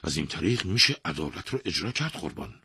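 A man voicing a courtly royal vizier who agrees calmly, in a low, husky voice. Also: no echo, clean studio sound, exaggerated voice. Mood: agreeable.

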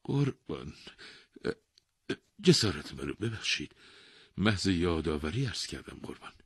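A man voicing a poor, frightened old woodcutter who pleads humbly in a husky voice. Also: deep voice, very animated, a bit bright, no room sound, clean studio sound, heavily acted. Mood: pleading.

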